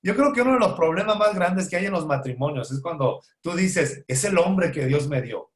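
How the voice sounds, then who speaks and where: A man's voice: a little high, lively intonation, moderate pace. A man teaching a conversational Bible study lesson, asking and answering his own rhetorical questions with joking asides. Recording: roomy echo.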